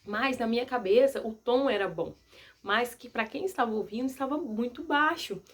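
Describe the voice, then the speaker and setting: A young woman vlogger giving casual advice to the camera, soft-spoken, gentle and earnest. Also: a little high, normal speed.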